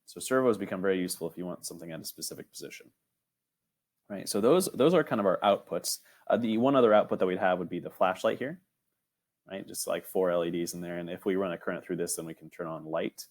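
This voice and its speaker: A young man teaching an online robotics lesson in a casual, rambling way, often checking in with "right?" and filling pauses with "um". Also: low-pitched, darkish tone. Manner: casual, filler-heavy, frequent "right?" checks.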